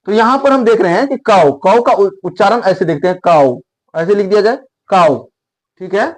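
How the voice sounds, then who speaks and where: A man's voice: high-pitched, moderate pace. A man teaching English grammar in Hindi, explaining patiently and repeating key points with emphasis. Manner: repetitive, emphatic teaching, spells out letters.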